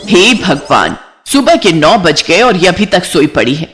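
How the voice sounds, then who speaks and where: A woman's voice: on the low side, big pitch swings, measured pace, a bit bright. A woman voicing a harsh middle-aged stepmother who scolds and nags. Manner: nagging, scolding.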